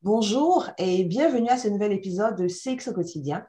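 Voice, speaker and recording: A woman hosting a podcast interview, asking clear, structured questions and summing up. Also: medium pitch, lively intonation, fairly quick, loud music behind the voice. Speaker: podcast host.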